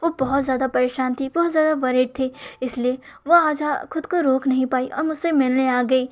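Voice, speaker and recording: A woman's voice: high voice, fairly even intonation, moderate pace, lightly acted. A woman voicing a devoted young man who soothes his partner in a storybook reading, pleading and tender. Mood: tender, soothing.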